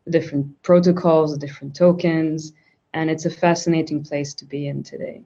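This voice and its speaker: Lower-voiced woman, thoughtful with restarts. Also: level tone, a little fast, dark tone. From Switzerland. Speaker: guest. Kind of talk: conversational interview. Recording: dull lo-fi sound.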